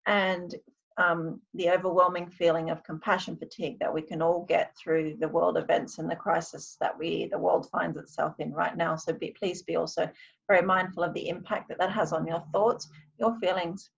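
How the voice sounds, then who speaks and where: A woman with a creaky voice leads a mindfulness and meditation session, speaking deliberately and reassuringly straight to her listeners. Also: fairly low pitch, little pitch movement, highs cut off. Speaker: wellbeing coach and meditation guide. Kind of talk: guided meditation and mindfulness talk. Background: music.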